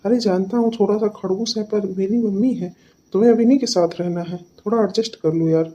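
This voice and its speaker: A woman's voice: mid-range voice, steady tone, fairly quick, dark tone, muffled recording, lightly acted. A woman voicing a placating young husband. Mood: coaxing. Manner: coaxing, placating.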